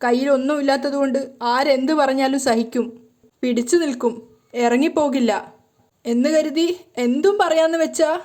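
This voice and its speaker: A poor, proud older mother who pleads through tears, voiced by a woman reading the story aloud. The tone is soft and a bit high. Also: moderate pace, close to an everyday voice. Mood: tearful. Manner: pleading, tearful.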